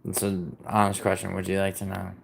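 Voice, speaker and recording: This man talks a little fast in a deep, gravelly voice with a completely flat delivery, and a little hiss or hum can be heard. Born in Italy and raised in New York, he casually answers live-stream messages in a rambling, profane style packed with fillers and restarts.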